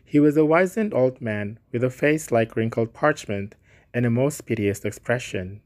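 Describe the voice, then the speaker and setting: A man reads a classic short story aloud in a measured, even voice. His pitch is ordinary for a man, and his narration runs along steadily and plainly. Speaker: story reader. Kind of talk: storybook reading.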